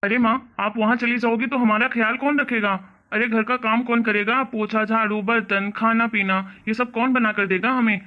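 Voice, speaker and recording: A whining young son, voiced by a man in a cartoon story, protective of his wife. His delivery stays flat, on a slightly dull lo-fi recording. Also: sits high, brisk, natural voice. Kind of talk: cartoon voice acting.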